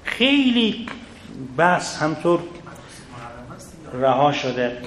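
A man's voice: fairly high pitch, sing-song, a bit bright. A man giving a religious lecture to seminary students, earnest and full of rhetorical questions aimed straight at his listeners. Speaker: seminary teacher. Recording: echoey room, faint background noise.

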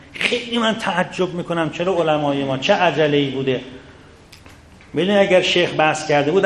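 A man giving a religious lecture to seminary students, earnest and full of rhetorical questions aimed straight at his listeners. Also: on the high side. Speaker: seminary teacher. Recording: echoey room, faint background noise.

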